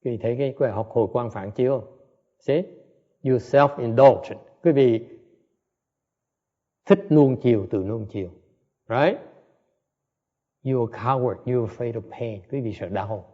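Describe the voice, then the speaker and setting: A man's voice: medium pitch, moderate pace, pauses often, dull audio. A man giving a dharma talk as a meditation teacher. He speaks bluntly, scolds his listeners and keeps checking in with them, translating himself as he goes. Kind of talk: dharma talk, self-interpreted.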